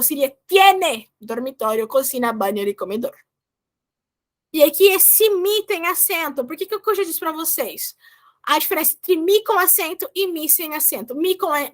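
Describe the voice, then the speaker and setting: A woman's voice: sits high, pushed and bright. A young woman with a Brazilian Portuguese accent, teaching a Spanish class online and often checking in with her students. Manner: explains patiently, checks in with "tá?" and "né?". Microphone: video call.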